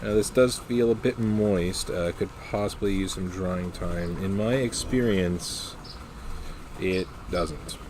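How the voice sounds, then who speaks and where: Deep-voiced man, casual halting reviewer. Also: a little mellow, slight background noise. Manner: halting, unscripted, matter-of-fact. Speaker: pipe tobacco reviewer.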